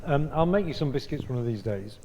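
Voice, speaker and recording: A man's voice: mid-range voice, animated, a little fast, warm tone, highs cut off. A man co-hosting a casual live stream, hesitant and understated, with frequent ums. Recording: long hall reverb.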